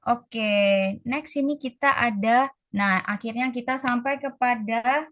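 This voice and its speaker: A woman tutoring an online class, chatting casually and stretching out model phrases slowly. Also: a little high, fairly bright tone, dry recording, clean studio sound. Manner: slow, drawn-out model pronunciations; casual, chatty teaching, calls students guys. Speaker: Mandarin tutor. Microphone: video call.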